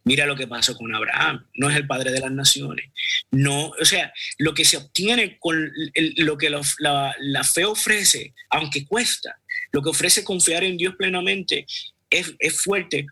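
A man sharing his faith in an earnest conversation, often restarting his sentences. His voice is husky yet very forceful, and sits a little high. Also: unhurried. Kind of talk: religious conversation and storytelling.

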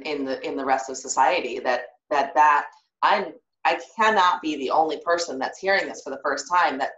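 A woman's voice: very deep voice, fairly bright tone. A woman hosting a casual interview, talking with enthusiasm. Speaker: interview host. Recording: roomy, distant and muffled.

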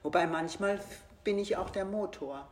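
A coach and podcast host with a German regional dialect talks casually in a fairly low, slightly mellow voice at a moderate pace. She sounds hesitant and thoughtful, using lots of fillers, and the room she's recorded in is echoey.

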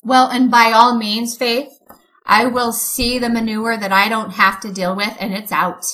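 Bright-voiced candid woman guest. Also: on the high side, level tone, measured pace, poor audio. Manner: candid, emotional, faith-filled storytelling. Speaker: interview guest, coach. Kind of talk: conversational interview.

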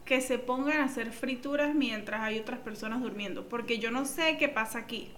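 A woman with a Venezuelan accent co-hosting a casual podcast, telling animated stories in heavy slang. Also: a little high, moderate pace, slight background noise. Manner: animated storyteller, slangy, calls people "mi amor". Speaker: podcast co-host.

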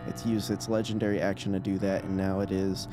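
A man running a tabletop role-playing game, narrating deliberately and with suspense as game master. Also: sits low, flat delivery, over music.

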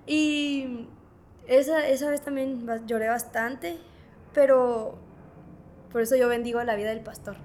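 A young woman with a notably high voice tells her testimony in casual interview talk. She tells it in a lively way, slipping into the voices of the people she quotes. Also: a little slow, slight background noise. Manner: lively storytelling, acting out remembered dialogue. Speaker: interview guest giving a church testimony.

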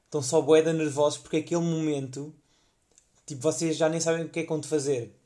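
Young portuguese guy podcasting, euro portuguese accent, kinda high voice, rambly slangy funny stories. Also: steady tone, fast talker, dark tone. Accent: European Portuguese. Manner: rambling, slangy, full of fillers, acts out quotes. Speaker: podcast host. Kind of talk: casual comedic storytelling monologue.

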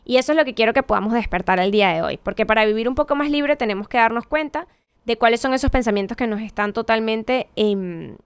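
A woman's voice: on the high side, quick pace, clean tone, no echo, clean studio sound. A woman giving a conversational motivational talk, asking rhetorical questions and correcting herself as she goes. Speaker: motivational speaker.

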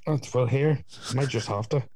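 A man's voice: mid-range voice, brisk, a little mellow, breathy edge, no room sound. Male co-host, twenties, Northern Irish, casual sweary podcast talk, dry recording. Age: 20s.

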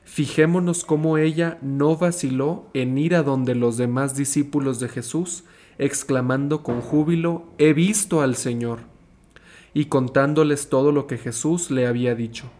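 A young man training for the priesthood reads a gospel passage aloud in a calm, measured way. He then moves into a short, earnest reflection at the same steady pace. His voice sits at an ordinary middle pitch for a man. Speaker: seminarian.

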